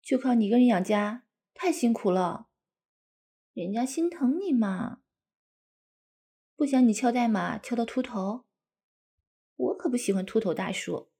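Woman acting a breathy, coquettish young wife. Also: a little high, expressive, unhurried, pauses often, dark tone, exaggerated voice. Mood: pouty, coy. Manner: cutesy, pouty, wheedling. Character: coquettish, doting young wife, a flight attendant. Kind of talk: intimate audio role-play.

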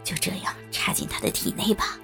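A woman voicing a scheming middle-aged father in a lowered, murmuring, coaxing voice. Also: a little fast, bright, forceful tone, soft background music, close to an everyday voice. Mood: whispered urging. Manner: low coaxing murmur, inner thoughts whispered.

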